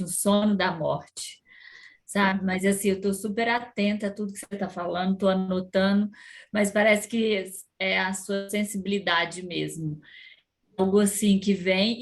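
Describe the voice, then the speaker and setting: Chatty woman student on a call. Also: mid-range voice. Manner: chatty, tells of feeling sleepy. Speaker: course student. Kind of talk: casual chat.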